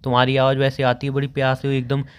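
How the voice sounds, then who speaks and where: Insistent young man, fast talker. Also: medium pitch, completely flat delivery, clear, resonant tone. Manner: insistent, pressing questions, scolding. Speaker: boyfriend on a phone call. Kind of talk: staged phone-call conversation.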